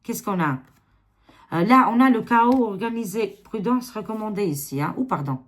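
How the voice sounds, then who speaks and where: A woman's voice: mid-range voice, animated, moderate pace. A woman with an Albanian accent reading tarot cards to camera in a rambling, casual way, dropping many fillers. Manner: rambling, filler-heavy, repeats 'hein'. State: tired. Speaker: tarot reader.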